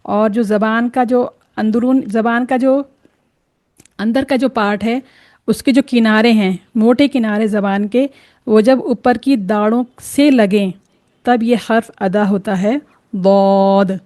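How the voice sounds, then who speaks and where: A woman teaching Quran reading, explaining each Arabic letter patiently and sounding it out slowly to demonstrate. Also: on the high side, a little mellow.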